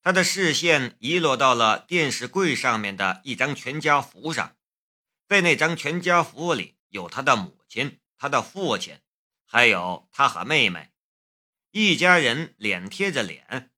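A man narrating a novel as an audiobook, in a measured storytelling manner. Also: medium pitch, bright, forceful tone. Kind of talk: scripted narration.

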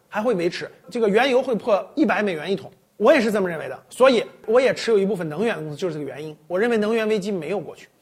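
A woman's voice: fairly high pitch, husky. A woman giving casual, opinionated commentary on a list of forecasts, setting each point against her own view in loose phrases with restarts. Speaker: finance commentator.

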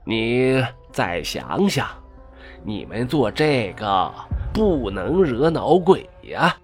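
A man voicing an old village wise woman who drives out ghosts, speaking in a slow, measured, admonishing way. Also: mid-range voice, very animated, soft background music. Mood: coaxing. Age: older. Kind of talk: storytelling with character voices.

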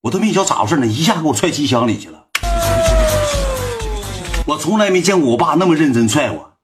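Fast-talking Northeast Chinese young man. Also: fairly high pitch, loud music behind the voice. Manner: slangy, swearing, animated retelling with repeated asides. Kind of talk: storytelling to a livestream audience.

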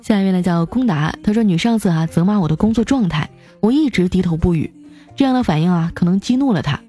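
A woman hosts a comedy segment and reads out funny messages from her listeners in a mellow, warm voice. She jumps up in pitch for the quoted lines, laughs easily, and light music plays behind her. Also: lively intonation, quick pace, husky. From China. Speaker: host reading listener jokes. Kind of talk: comedic joke-reading show.

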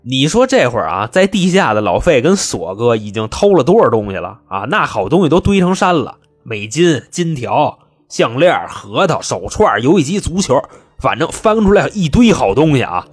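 A man's voice: mid-range voice, sing-song, moderate pace, slightly rough. A man telling a comic crime story as host, chatty, wry and colloquial.

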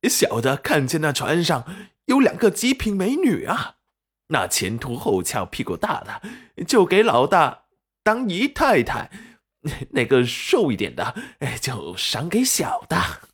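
A man's voice: a little high, huge pitch swings, measured pace, a bit bright, breathy edge, voice pushed up, heavily acted. A man voicing an eager, fawning and crude pirate underling in an audiobook. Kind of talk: audiobook character voice.

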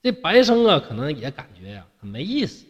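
A man's voice: on the high side, huge pitch swings, brisk, lo-fi sound. A man telling a classical tale in a colloquial style, chatty, asking and answering his own rhetorical questions as he explains. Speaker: storyteller. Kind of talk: colloquial storytelling with commentary. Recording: long reverb.

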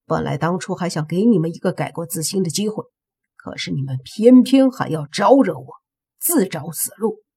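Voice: medium pitch, lively intonation, slow, vocal fry, breathy edge, heavily acted. A narrator reading the lines of a ruthless young male zombie king in an audiobook, cold and cutting. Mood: scornful.

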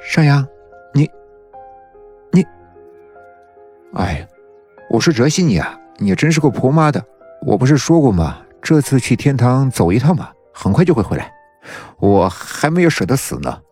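A cocky young friend who teases and brushes off danger with confident banter, as a male narrator puts him on. The voice is husky and lifted above the narration. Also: medium pitch, very animated, moderate pace, darkish tone, faint music behind, voice pushed up. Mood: teasing. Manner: teasing, confident.

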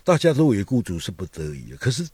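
Deep husky older man musing aloud. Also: wildly swooping pitch, fast talker, mellow, no echo. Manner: musing, discursive, with rising and falling emphasis. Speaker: guest writer. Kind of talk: reflective conversation.

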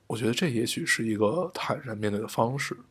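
A man with a Beijing accent and a husky, medium-pitched voice co-hosts a casual talk show. He speaks colloquially, correcting himself as he goes. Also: expressive, quick pace, a bit bright. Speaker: radio show co-host. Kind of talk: casual chat, reading listener messages.

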